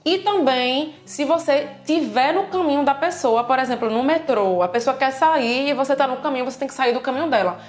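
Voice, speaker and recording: Brazilian woman co-hosting a lesson, higher voice, echoey room with faint music. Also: fairly quick, hardly any pauses. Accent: Brazilian Portuguese. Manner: lively, explains patiently with examples. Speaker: language teacher and co-host. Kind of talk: casual explanatory video lesson.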